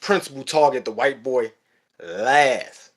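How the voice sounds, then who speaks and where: A man hosting a livestream, telling a story in an animated, profane, casual way. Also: mid-range voice, slow. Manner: animated and profane, laughing at his own story. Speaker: livestream host.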